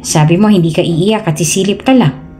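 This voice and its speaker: Woman doing a gentle teasing young man. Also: on the low side, a little fast, soft background music, lightly acted. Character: caring teasing young man, comforting friend.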